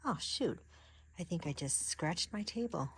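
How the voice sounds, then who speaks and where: Unboxing her craft supplies for the camera, a crafting vlogger chats casually, gasping and gushing at each item with excitable, restart-filled chatter. Her voice runs low and unhurried against background noise.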